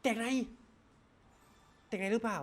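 A man giving excitable, profane live commentary on a slot game stream. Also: normal speed, heavy background noise. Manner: excitable, swears often, shouts at spins.

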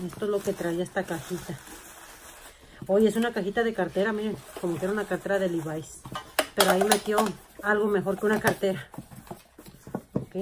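A woman vlogging casually as she unboxes finds, gushing with excitement and calling to her viewers. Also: medium pitch, slight background noise.

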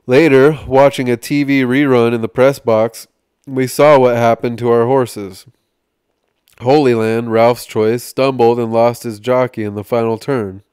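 A man hosting a podcast, reading a magazine article aloud in a measured way, with small slips and restarts. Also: mid-range voice, a little mellow, smooth, no echo, clean studio sound.

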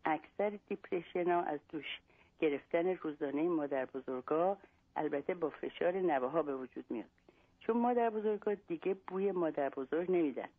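A woman's voice: low voice, no echo. A woman on a phone line voices a self-assured male psychologist who lectures at length and lays out odd instructions step by step. The line is thin and dry, with no room around the voice. She keeps close to her own everyday voice. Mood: instructive. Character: Iranian male psychologist, confident and long-winded.

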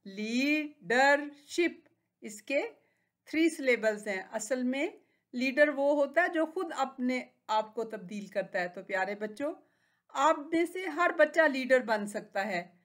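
A teacher with a Pakistani accent delivers a recorded school lesson to young children. She has a high voice and talks slowly, drawing out every word while gently praising and encouraging the kids.

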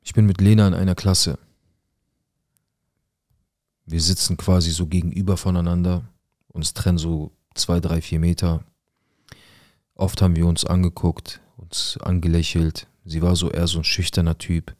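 A man's voice: sits low, little pitch movement, moderate pace, long pauses, darkish tone, no echo, clean studio sound. A man narrating a viewer's life story in the first person, in a casual, colloquial way that speaks straight to his viewers.

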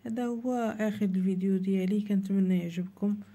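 A woman's voice: mid-range voice, fairly even intonation, quick pace, warm tone, husky. A woman with a Moroccan Arabic accent, hosting her cooking channel and explaining a recipe step by step to viewers. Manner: plain, instructive, addresses viewers directly. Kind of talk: cooking tutorial voice-over.

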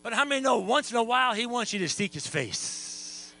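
Male pastor, high gravelly voice, preaches soft then shouts, mains hum under it. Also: animated, a little fast, faint music behind, rough recording. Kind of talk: revival sermon. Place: church sanctuary.

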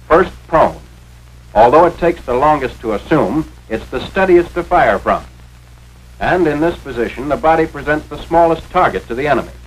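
A slightly high-pitched American man narrates a 1940s instructional film at normal speed, sounding animated. Reading from a script, he speaks authoritatively and enunciates with care, guiding the listener step by step, while the noisy soundtrack has a radio-like quality.

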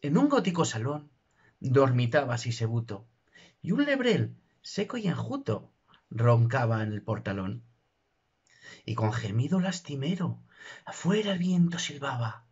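A man's voice: medium pitch, very animated, measured pace, breathy edge. A man reciting comic verse in a dramatic, declamatory theatrical way, in a dull, muffled recording. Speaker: narrator.

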